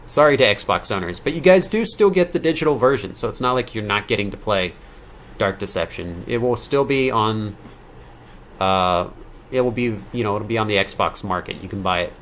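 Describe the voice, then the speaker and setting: A tired man in his thirties hosts a late-night live-stream Q&A about his game. His voice sits fairly low, and he rambles and restarts his sentences. A faint hiss runs underneath. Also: lively intonation, moderate pace, fairly bright tone. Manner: rambling, self-correcting, reads donor questions aloud. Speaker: game developer answering live chat questions.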